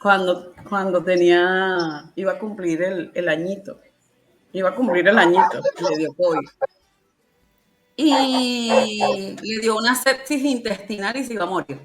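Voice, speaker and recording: A woman's voice: medium pitch, measured pace, over music. A woman with a Venezuelan accent, telling her personal faith story in a colloquial, emotional way and laughing often. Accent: Venezuelan Spanish. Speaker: testimony guest.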